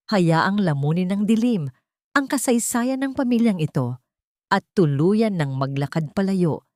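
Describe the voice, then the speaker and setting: Narrating a dramatic story from a script, a Filipino-accented woman speaks in a low, slightly mellow voice. The audio is clean studio sound with no room sound at all.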